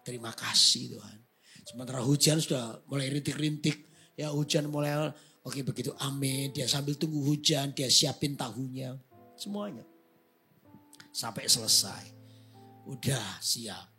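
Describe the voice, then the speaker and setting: A male pastor telling a story in a sermon, swinging from hushed narration to shouting. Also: medium pitch, unhurried, soft background music.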